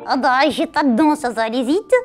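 A woman's voice: sits high, brisk, music in the background, voice pushed up, natural voice. Woman ventriloquist doing a boastful puppet boy. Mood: cheeky. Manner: naive, tactless, self-important. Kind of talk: ventriloquist act.

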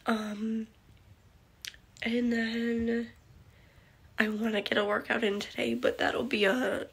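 A young woman with a cold vlogs casually, chatty and meandering, holding her phone at arm's length in her bedroom and car. Her fairly high voice is flat, slow, gravelly and a bit breathy.

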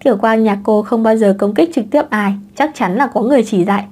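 A woman's voice: a little high, fairly quick, darkish tone, lightly acted. A woman voicing a brazen, cheeky young divorced mother in an audiobook romance. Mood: sweet.

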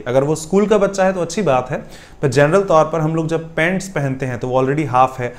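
Indian English teacher, slow repeated examples. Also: male voice, fairly high pitch. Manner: reads example sentences slowly, repeats them, explains in Hindi; asks and answers himself conversationally. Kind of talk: Hindi-English grammar lesson.

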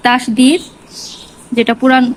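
A woman teaching Quran reading step by step, slowly repeating each syllable in drills. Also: high-pitched, fairly even intonation, slight background noise, rough recording. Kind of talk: step-by-step lesson.

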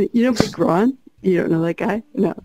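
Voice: medium pitch, mellow, no echo, rough recording. A young adult telling crude stories and laughing through a chat with friends in a social VR game. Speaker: VR chat player. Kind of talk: casual gaming banter.

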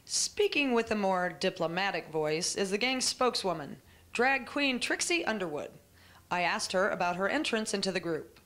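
Woman acting a melodramatic parody news anchor, bright and lively. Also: mid-range voice, moderate pace, close to an everyday voice. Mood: portentous, serious. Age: young adult. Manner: melodramatic, portentous news delivery. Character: earnest, sensationalist female TV field reporter. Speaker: TV reporter. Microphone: handheld microphone.

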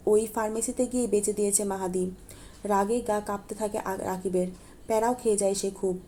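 Mellow woman narrating a story. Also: fairly high pitch, slight background noise. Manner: steady, plain reading with small self-corrections. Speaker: audiobook narrator.

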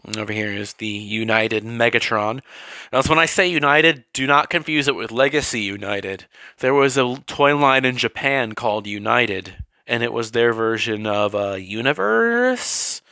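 A man's voice: mid-range voice, moderate pace, bright, forceful tone, dry recording. A man casually walking through his toy collection, rambling, correcting himself and getting worked up in short rants.

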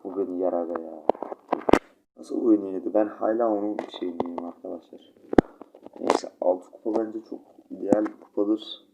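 A man's voice: sits low, steady tone, moderate pace, gravelly, dull audio, very noisy. A sleepy young man with a stuffy nose, rambling chattily to his viewers while commenting on his gameplay. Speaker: gaming channel host.

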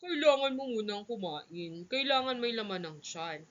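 A woman voicing a kind father who gives gentle instructions in a read-aloud story for children, in a dull lo-fi recording. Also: fairly high pitch, expressive, moderate pace, lightly acted. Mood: fatherly. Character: kind fatherly dad Mang Ferdy. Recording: dull lo-fi sound.

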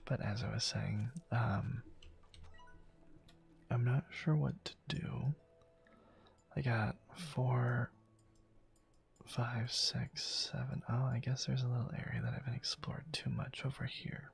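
A man quietly whispering casual ASMR gameplay commentary, musing aloud to himself as he plays, with keyboard and mouse clicks. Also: mid-range voice, steady tone, takes it slowly, gravelly, long pauses, slightly rough. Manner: soft-spoken, musing aloud while playing. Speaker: gameplay channel host.

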